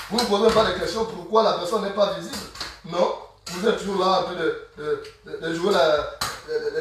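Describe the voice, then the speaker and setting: A man's voice: high-pitched, distant mic, background noise. Scolding Gabonese man in an echoey room. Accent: Gabonese French. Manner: scolding and insulting, repeats proverbs slowly. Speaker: online activist. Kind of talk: angry direct-to-camera rant.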